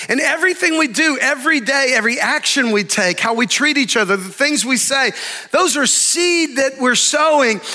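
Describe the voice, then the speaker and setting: A man preaching a sermon as pastor, animated, with dramatic pauses and acted-out story voices. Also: very high-pitched. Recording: long reverb of a large hall.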